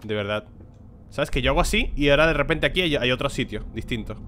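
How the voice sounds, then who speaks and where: A man's voice: mid-range voice, quick pace, sharp tone, slight background noise. A man, giving casual let's-play commentary on a horror game, chatting to his viewers and swearing freely. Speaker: gaming YouTuber.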